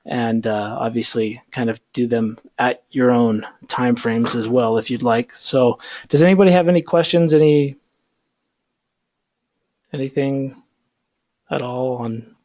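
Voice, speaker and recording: Talking a little slowly and pausing often, a man with a mid-range voice teaches a class over a computer call. He's relaxed and rambling, full of filler words, and the audio from his computer mic is dull.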